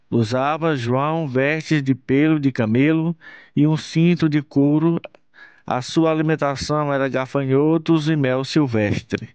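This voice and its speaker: A man from Brazil, hosting his channel, reads a Bible passage aloud in a slow, measured, solemn way. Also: fairly high pitch, darkish tone, smooth, no room sound. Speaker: channel host reading scripture. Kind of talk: Bible reading.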